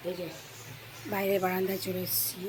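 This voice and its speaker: A woman with a hoarse voice chatting directly to her viewers in a casual home vlog, filmed on a handheld phone. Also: medium pitch, completely flat delivery, brisk, background noise. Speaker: vlogger. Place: at home, indoors and on a balcony.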